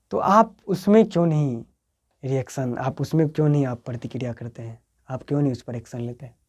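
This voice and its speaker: A male teacher with a Bihari accent explains a story to board exam students, acting out its quoted lines, his voice swinging between loud and soft. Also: fairly high pitch, highs cut off.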